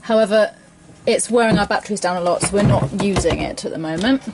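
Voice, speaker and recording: A woman giving a relaxed, chatty tour of her sailboat, filling gaps with ums. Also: mid-range voice, fast. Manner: chatty, relaxed, lots of ums and "bits and bobs". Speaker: boat owner giving a tour. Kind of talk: casual explanation. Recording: handheld camera with clear background noise.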